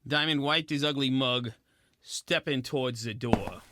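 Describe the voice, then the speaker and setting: A man's voice: medium pitch, unhurried, very noisy, natural voice. A man playing a hot-tempered, wisecracking penguin private eye, narrating in clipped gumshoe slang for a noir radio play. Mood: wry narration. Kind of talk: noir narration, 1940s radio detective acting.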